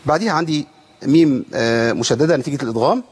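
A man with an Egyptian accent teaching Quran recitation rules. He explains quickly, then stretches syllables slowly to show each sound. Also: medium pitch, expressive, breathy edge. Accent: Egyptian Arabic. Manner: explains briskly, then draws out sounds slowly to demonstrate them. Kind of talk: tajweed lesson.

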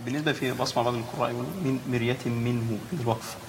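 Quick student over crowd murmur. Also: male voice, mid-range voice, level tone. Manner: short answers and questions to the teacher.

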